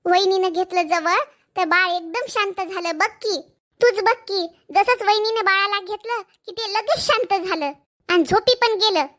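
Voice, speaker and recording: A woman's voice: very high voice, normal speed, fairly bright tone. A woman playing a kind young daughter who defends her sister-in-law, speaking earnestly and pleadingly. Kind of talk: Marathi village family drama acting.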